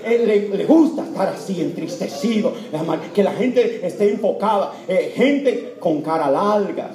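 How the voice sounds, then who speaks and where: A man with a notably high voice delivers a heartfelt sermon in a church. His preaching swings between loud, fervent cries and hushed, tender tones, and he repeats words for emphasis. The sound rings around a reverberant hall. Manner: repetitive, with many fillers. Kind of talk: emotional sermon. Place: church before Mass. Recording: echoey church room.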